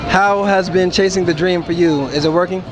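Young man as a brash, foul-mouthed vlog host working a handheld mic inside a museum. His voice sits a little high and he keeps up a teasing, joking patter, with loud music running under him. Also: fairly even intonation, fairly quick. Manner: brash, teasing, swears freely. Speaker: vlog host interviewing people. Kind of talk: casual, crude joking street interviews. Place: indoor wax museum.

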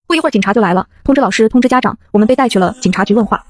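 A woman narrating a web novel in the first person, with a brisk, steady reading. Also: on the high side. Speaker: story narrator.

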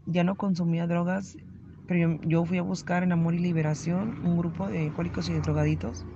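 Gravelly Mexican woman giving faith testimony. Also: lowish voice, level tone. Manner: earnest, halting, emotional confession. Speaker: recovering addict giving testimony. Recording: slightly dull lo-fi audio with faint background noise.

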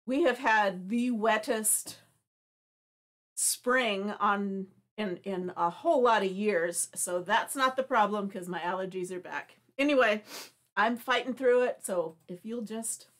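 A middle-aged woman with a medium-pitched voice speaks a little slowly while hosting a live craft demo in her home craft room. She rambles in a chatty, friendly way, often restarting, and sniffles through an allergy-stuffed nose.

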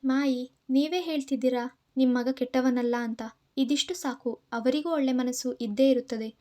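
Caring young woman, earnest, reassuring, high pitch, mellow tone, a woman voicing her. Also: steady tone, normal speed, close to an everyday voice. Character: caring young woman comforting an older friend.

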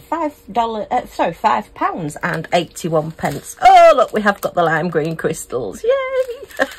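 A woman's voice: medium pitch, a little hiss or hum. A middle-aged woman from the UK, chatting casually and gushing as she unboxes and reviews craft kits. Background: a small fan humming.

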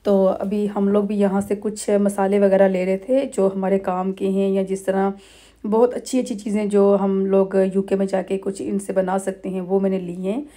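With a medium pitch and an unhurried, wandering style, a middle-aged Pakistani woman voices over her family holiday vlog. She pauses a lot and fills gaps with filler words as the clips play.

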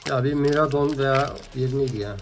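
A man hosting a card-opening video, chatting casually, reading card names under his breath and bursting into loud excitement at good pulls. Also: medium pitch, moderate pace. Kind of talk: casual pack-opening commentary.

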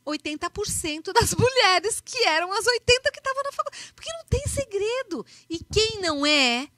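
A woman with a Brazilian accent gives an animated motivational talk, acting out little dialogues as she tells her stories. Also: extremely high pitch, moderate pace, no room sound. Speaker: speaker.

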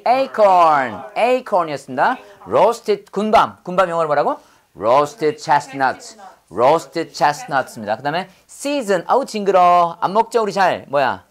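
A middle-aged woman teaches English words by drilling them slowly, again and again. Her fairly low voice swings widely in pitch as she prompts her students to repeat each phrase after her. She keeps a patient, unhurried pace throughout. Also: expressive. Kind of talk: drilling lesson with call-and-repeat.

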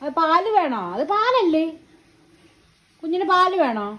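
Woman, very high voice, sing-song baby talk, teasing questions, home video. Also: big pitch swings, a little slow, fairly bright tone. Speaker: mother. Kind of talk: home video, talking to a toddler.

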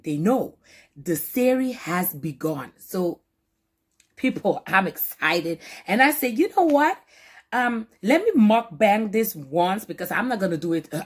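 A playful woman talks to her viewers in a slow, drawn-out way, her pitch swooping up and down. Her voice is a little breathy, and she breaks out in loud laughs and shouts. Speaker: mukbang vlogger. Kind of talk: casual chat to camera.

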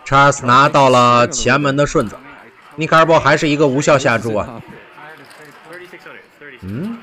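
Over recorded poker highlights, a man gives animated voice-over commentary, exclaiming and posing rhetorical questions.

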